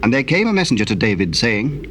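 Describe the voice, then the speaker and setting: A British man narrates scripture solemnly and formally. His medium-pitched voice comes with clear background noise, like an old cassette recording. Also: very animated, fairly bright tone. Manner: formal, measured storytelling. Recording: noisy old cassette tape with ambience.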